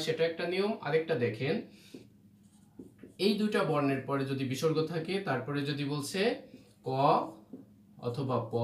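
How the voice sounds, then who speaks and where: A man whose voice is a little high is preparing students for exams with Bengali spelling rules. His manner is patient, and he regularly asks "ঠিক আছে?" to confirm they follow. The distant recording has a roomy echo and faint hum.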